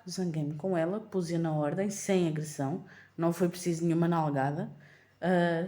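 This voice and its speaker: Young European Portuguese woman, low warm voice, emphatic storytelling mom vlogger. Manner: emphatic, animated retelling. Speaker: mother of a toddler. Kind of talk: casual storytelling vlog.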